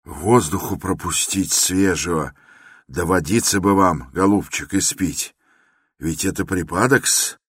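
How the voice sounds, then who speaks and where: A man's voice: low-pitched, unhurried, fairly bright tone, husky, no room sound, clean studio sound, exaggerated voice. A man putting on a fawning, fussy old investigator. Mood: whispering, fussing. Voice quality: obsequious, clucking, adds polite "-s" to words. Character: fussy, fawning middle-aged male police investigator.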